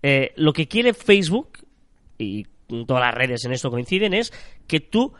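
A man's voice: mid-range voice, sing-song, unhurried, a bit bright, dry recording. A man with a nasal, stuffed-up voice from a cold, chatting as co-host of a marketing podcast. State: has a cold.

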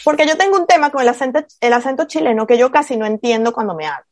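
A woman in casual podcast chat, animated and confiding, with quick asides. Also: fairly high pitch, dry recording.

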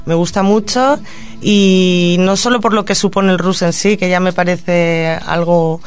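A woman from Madrid speaks as a guest in a radio studio, earnest and reflective. She pauses often to gather her thoughts, with soft music faint behind her. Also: on the low side, fairly even intonation. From Madrid, Spain. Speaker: guest, social educator and puppeteer. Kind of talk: radio interview, answering questions.

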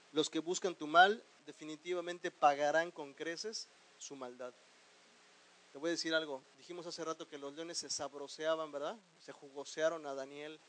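A man's voice: fairly high pitch, rough recording. A pastor preaching a sermon. He asks the congregation questions and has them repeat phrases after him. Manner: animated preaching with sudden loud bursts.

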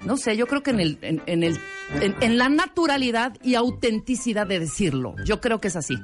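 Mexican woman co-host, playful jokester, very lively melody, music bed behind. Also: fairly high pitch, fairly quick. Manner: playful, joking, sing-song delivery. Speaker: radio co-host. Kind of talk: casual chat. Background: background music.

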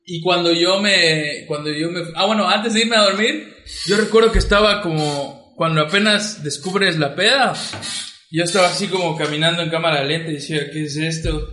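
A young Mexican man with a high, bright, sharp-edged voice tells crude, slang-filled stories on a podcast, a little tipsy. His voice bounces off the walls of an echoey room. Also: moderate pace, a little hiss or hum. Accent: Mexican Spanish. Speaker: podcast co-host. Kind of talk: casual storytelling chat.

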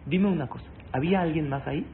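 A man's voice: a little high, fast, creaky. A man voicing a firm rabbinic sage who insists and repeats his advice to a young husband. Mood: insistent. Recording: tinny phone-like sound, faint noise.

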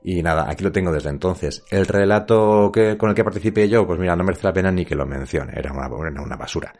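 Very deep-voiced Spanish man hosting a podcast. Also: fast, a little mellow. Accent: Spanish from Spain. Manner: conversational, addresses the listener directly. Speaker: podcast host.

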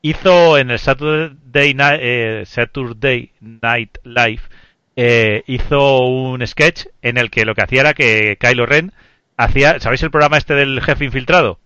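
A man hosting a casual panel chat, animated, stammering and repeating words as he steers the talk. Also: medium pitch, a little slow, clear, resonant tone, dry recording, highs cut off. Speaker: podcast host.

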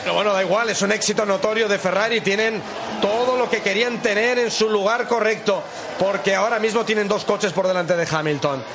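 A man with an accent from Spain giving live motorsport commentary, excitable and emphatic, repeating key figures. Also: sits high, fairly quick. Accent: Spanish, from Spain. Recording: loud engine and trackside noise.

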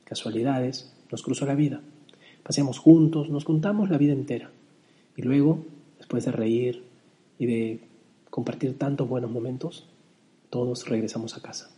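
A man's voice: medium pitch, steady tone, normal speed, long pauses, mellow. A middle-aged man telling a nostalgic personal travel story, with a recited poem. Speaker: narrator.

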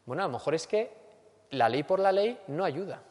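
A man with a Spain Spanish accent giving a lecture and acting out everyday complaints in a lively way. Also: fairly high pitch, fairly quick. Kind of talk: lecture on character education. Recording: long hall reverb.

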